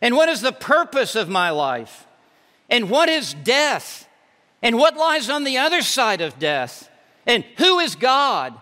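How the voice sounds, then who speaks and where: A man's voice: very high-pitched, big pitch swings, measured pace, sharp tone. A male pastor preaching a sermon from the pulpit, emphatic and repeating words for force. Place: church sanctuary. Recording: reverberant hall.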